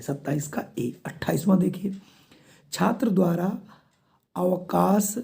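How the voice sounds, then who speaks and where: A male teacher working through exam questions, reading each sentence out slowly and then calmly correcting it. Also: high voice, vocal fry. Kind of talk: exam-prep lesson.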